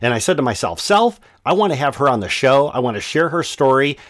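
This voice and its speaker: A man's voice: medium pitch, sing-song, a little fast. A man hosting a podcast, giving friendly, upbeat introductions and asking his guest questions. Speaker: podcast host. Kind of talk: podcast interview.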